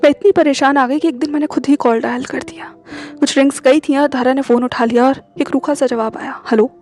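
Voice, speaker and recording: A woman storyteller narrating an emotional audiobook romance, speaking in the first person and acting out a tense phone call, with hesitant, stammering pauses. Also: sits high, fairly even intonation, darkish tone, faint music behind. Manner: emotional, voices both friends with hesitant stammers.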